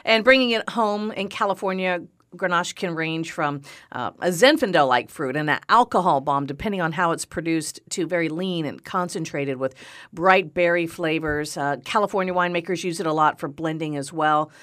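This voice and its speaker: A woman with a lowish voice chats on a relaxed podcast. She speaks with open enthusiasm in a conversational manner. The recording is close and dry. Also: normal speed, no room sound. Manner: enthusiastic, warm-hearted, conversational. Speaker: wine podcast co-host. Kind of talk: casual chat.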